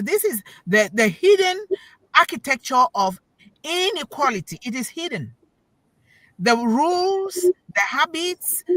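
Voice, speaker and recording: Speaking as a parent on a talk show panel, a woman with a high-pitched, sharp voice gives a forceful, moralizing motivational talk, stressing key words by repeating them and directing questions at the listeners. There's no echo, but the recording quality is low.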